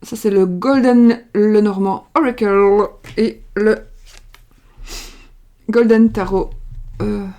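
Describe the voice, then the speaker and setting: A woman's voice: medium pitch, fairly even intonation, takes it slowly, pauses often, warm tone. A middle-aged woman giving a casual tarot reading, talking in a rambling way with many fillers and restarts. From France. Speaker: tarot card reader. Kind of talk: casual card-reading livestream. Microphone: webcam or desk mic, video call style.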